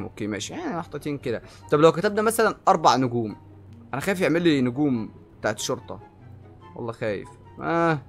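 A young man with an Egyptian Arabic accent doing excitable gameplay commentary, often shouting and drawling in amazement. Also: on the high side. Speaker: gaming YouTuber.

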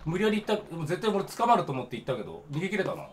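A young man giving jokey, excitable commentary while playing a game. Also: fairly high pitch, racing, slight background noise. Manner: excitable, jokey, reacting out loud. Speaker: game streamer. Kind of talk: let's play commentary.

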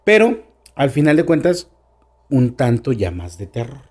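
A guest storyteller on a casual podcast, this man has a Mexican accent and a medium-pitched, slightly mellow voice with huge pitch swings. He keeps a measured pace while varying his tone and stressing words.

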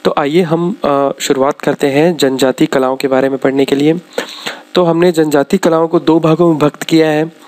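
Brisk man with a raised voice. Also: on the high side, steady tone, a little mellow. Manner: brisk, lists items one after another with frequent pauses to explain. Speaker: exam-prep teacher. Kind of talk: slide-based lecture.

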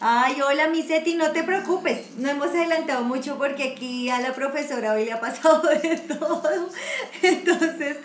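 Speaking at a moderate pace in a high-pitched voice, a Colombian-accented woman teaches watercolor live online, chatting warmly, encouraging her students and using lots of diminutives. The sound is reverberant, coming through a computer mic on a video stream.

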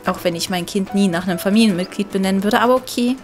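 Female game commentator, chatty and casual, medium pitch, reasoning aloud over clear music. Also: fast. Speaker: let's player.

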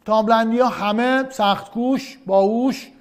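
A man teaching English vocabulary online, drilling words slowly and adding quick asides. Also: very high voice, steady tone. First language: Persian.

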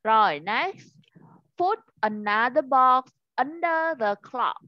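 A woman's voice: high-pitched, lively intonation, takes it slowly, no echo. A woman with a Vietnamese accent teaching English to a child in an online lesson, patiently drilling pronunciation and encouraging the student. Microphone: video call. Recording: dull, dry video call audio.

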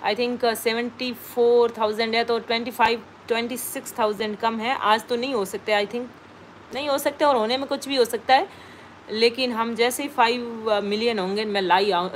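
A woman's voice: on the high side, a bit bright, slight background noise. A woman chatting casually on a live stream, greeting viewers and reading their names aloud from the comments.

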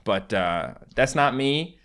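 A man's voice: mid-range voice, lively intonation, slow, a bit bright. A man in his twenties from Newfoundland, speaking with a Newfoundland accent in a casual, hesitant, self-deprecating vlog style. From Newfoundland, Canada. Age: 20s. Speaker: gaming YouTuber. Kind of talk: casual vlog chat to camera. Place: small home room with acoustic foam, indoors.

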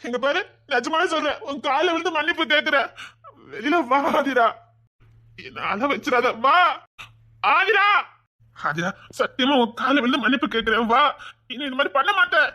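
A performer with a Tirunelveli Tamil accent acts a furious father in a family drama, scolding, shouting and threatening over a missing daughter. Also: high voice, fast talker. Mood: pleading. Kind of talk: village family drama acting.

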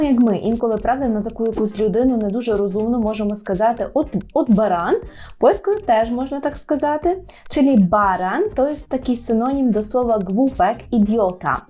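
A woman teaching a language lesson to learners, slowing down to repeat each word carefully. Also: mid-range voice, mellow. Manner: slows down to repeat words carefully. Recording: faint background music.

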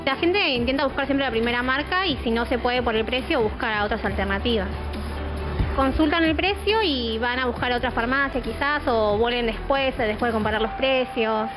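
Pharmacy woman, higher voice, matter of fact, music behind. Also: moderate pace, low-quality recording. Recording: background music under the report.

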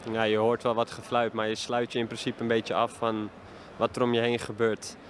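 A young man in his twenties, a football player answering post-match questions with many pauses and fillers, speaking into a handheld mic outdoors at a stadium. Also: medium pitch, completely flat delivery. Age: 20s. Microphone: handheld reporter mic held up to him. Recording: faint outdoor noise.

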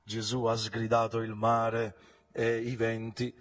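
A man preaching a fervent sermon as pastor at a church service, rising and falling sharply in loudness and pitch and putting rhetorical questions to the congregation. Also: monotone, slow. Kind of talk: Pentecostal sermon.

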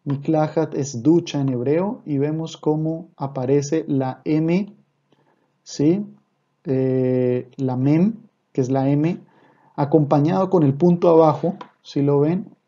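Patient man teaching, dark muffled voice. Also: fairly high pitch. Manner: patient, repeats points, often checks in with listeners. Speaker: Hebrew teacher. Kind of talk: online language lesson. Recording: slightly dull, muffled recording.

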